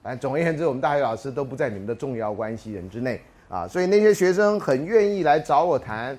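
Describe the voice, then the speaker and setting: A man lecturing on sociology in a classroom. He talks quickly and his pitch leaps around as he acts out dialogue from his stories, throwing in rhetorical questions to the class. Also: lively intonation, a little mellow.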